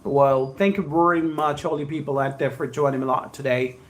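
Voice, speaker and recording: Steady in tone and mid-range in pitch, this man keeps a moderate pace as he hosts a spoken English live stream. He is from Andhra Pradesh, India, has a South Indian accent, reads aloud, and speaks to viewers in a formal, effusive way, repeating phrases.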